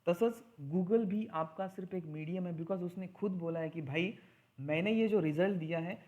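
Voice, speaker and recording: A man teaching an English grammar lesson in Hindi mixed with English, slowing down to stress key points. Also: high-pitched, darkish tone.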